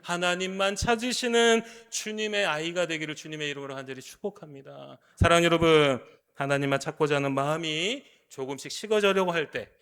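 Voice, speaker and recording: A male pastor preaches a sermon in a high, bright voice. He tells stories quietly, then lifts his voice into loud, emphatic appeals. He is recorded in a church sanctuary. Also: a little fast, smooth. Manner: swings between hushed storytelling and loud, emphatic appeals.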